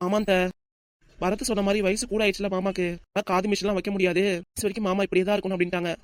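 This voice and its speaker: Woman putting on a low male son-in-law voice, soothing cartoon figure, fast delivery, dry recording. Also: little pitch movement, dry recording, close to an everyday voice. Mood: serious. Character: adult male son-in-law, calm and steady. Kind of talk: cartoon voice acting.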